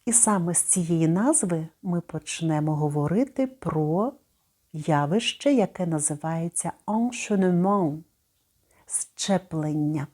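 A middle-aged woman giving a spoken lesson. She pronounces words slowly and carefully, and she repeats each one so listeners can copy her. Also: on the low side, expressive, dark tone. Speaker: French pronunciation teacher.

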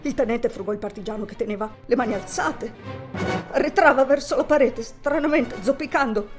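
A woman voicing a kindly seamstress in a theatrical reading, speaking gently to her guest. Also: on the high side, brisk, over music, lightly acted. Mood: tense narration. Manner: gentle in dialogue, rising to intense in narration. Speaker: reader voicing a character and narration.

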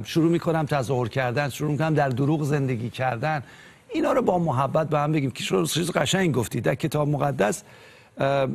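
Earnest young man with a gravelly voice. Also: on the high side, a little mellow. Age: 20s. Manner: earnest, hesitant with fillers.

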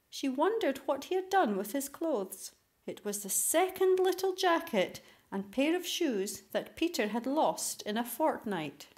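A woman reading a children's story aloud as scripted narration, in an expressive storytelling manner. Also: on the high side. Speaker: storybook reader.

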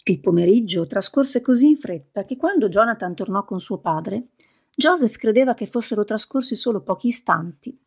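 Gravelly-voiced woman reading an audiobook. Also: mid-range voice, lively intonation, normal speed, darkish tone. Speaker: audiobook reader. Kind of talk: scripted narration.

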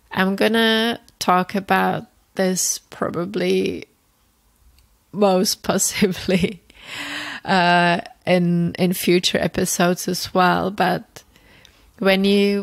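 A Czech woman in her thirties with a Czech accent, hosting a podcast and telling her personal story in a reflective, gentle way, often restarting and repeating phrases. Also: mid-range voice, gravelly, no room sound. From Czech Republic. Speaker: podcast host.

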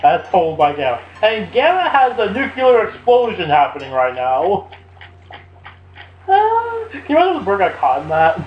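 A young man commentating gameplay in casual chat, excitable and loud, laughing often. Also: high voice, normal speed, lo-fi sound. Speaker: let's play commentator. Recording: echoey room with faint game music. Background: faint game music.

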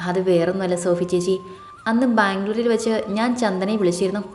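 A woman's voice: mid-range voice, fairly even intonation, fast talker. A woman narrating a romantic story as an audiobook, reading the narration and voicing every character herself. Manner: reads narration and voices all characters. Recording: echoey room with soft music. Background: faint background music.

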